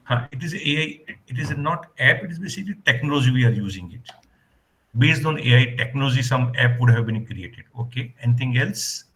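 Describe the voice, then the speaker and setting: A man lectures through a video call. He is courteous and unhurried, filling gaps with little hesitations as he gathers his thoughts. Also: medium pitch, expressive, fairly bright tone, rough recording. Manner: polite, hesitant, many fillers. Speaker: guest lecturer. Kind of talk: online lecture.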